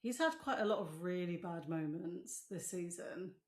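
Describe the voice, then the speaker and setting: A woman co-hosting a casual chat, frank and animated. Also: on the low side, moderate pace. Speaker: podcast co-host.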